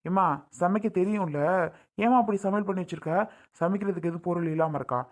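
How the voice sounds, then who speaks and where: A performer playing a fussy husband who scolds his wife, nagging and shouting questions. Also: fairly low pitch, quick pace, close to an everyday voice. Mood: scolding. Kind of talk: comedy skit acting.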